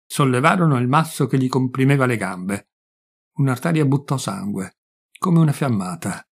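A man narrating a short story in a measured, deliberate reading voice. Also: medium pitch, lively intonation, gravelly, husky. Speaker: audiobook reader.

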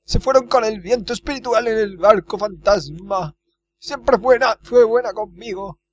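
A man's voice: high-pitched, normal speed, pitched above the performer's own voice. A man doing a wailing, self-pitying old cook. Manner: wailing, theatrical lament. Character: weepy self-pitying older male cook.

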